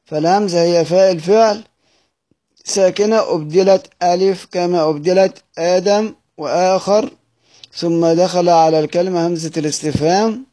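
A man's voice: fairly high pitch, warm tone. A man with an Egyptian accent teaching a lesson on Quranic readings, patiently repeating words and asking and answering his own questions. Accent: Egyptian Arabic. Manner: patient, repeats words slowly and spells out sounds. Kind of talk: explanatory lesson.

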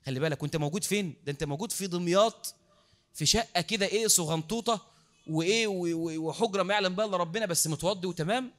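A man with an Egyptian accent preaching a lecture in a mosque, lively, repeating words for emphasis and asking his listeners questions. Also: high-pitched, rapid-fire. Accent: Egyptian Arabic.

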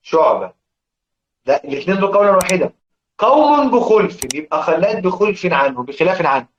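A man's voice: high-pitched, sing-song, slight background noise. Egyptian man teaching in an echoey room. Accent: Egyptian Arabic. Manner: questions the class, answers himself, chants quoted verse slowly. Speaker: Quran recitation teacher. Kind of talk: religious lesson explaining verse. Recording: echoey room, dull lo-fi sound.

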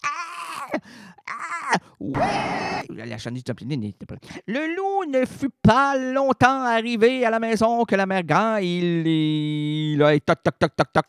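A radio host with a very high-pitched voice and lively intonation speaks slowly as he rambles playfully through an absurd, comic retelling. It is packed with wordplay and stammered restarts.

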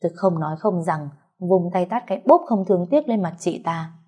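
A woman's voice: on the low side, animated, a little fast, mellow, husky. A woman narrating a dramatic first-person family story, acting out the quarrels in heated bursts.

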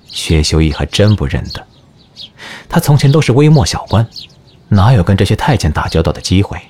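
A man narrating an audio drama in an expressive storytelling manner. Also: on the low side, fairly quick, slightly rough.

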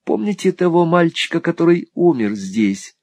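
A man voicing a frightened, timid young man in an audiobook, with a high, trembling, pleading voice. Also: sing-song, normal speed, darkish tone, no echo. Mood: anguished.

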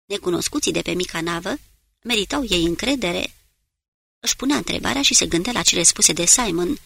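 A woman narrating an audiobook in a steady, measured reading voice. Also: lowish voice, creaky, breathy edge, dry recording. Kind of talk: scripted narration.

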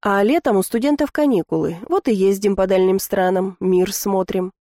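A woman's voice: medium pitch, normal speed, warm tone, no echo, studio quality, lightly acted. A woman reading an audiobook, voicing a brash adult man who is the heroine's long-lost brother, blunt and slangy. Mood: chatty.

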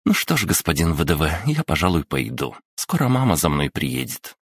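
A man's voice: very deep voice, big pitch swings, a little fast, breathy edge, no room sound, clean studio sound, exaggerated voice. A man reading an audiobook voices a playful schoolgirl who talks in a sly, teasing way.

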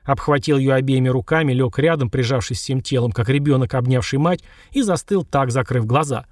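A man's voice: brisk, no room sound. Man narrating an audiobook, dry sound. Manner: raises pitch for dialogue, steady narrating. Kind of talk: scripted narration with voiced characters.

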